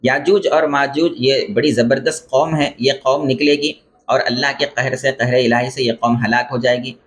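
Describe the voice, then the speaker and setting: A man's voice: medium pitch, steady tone, fairly bright tone. Man giving a religious lecture. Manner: explains terms and corrects pronunciation; repeats phrases for emphasis. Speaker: Islamic scholar teaching beliefs.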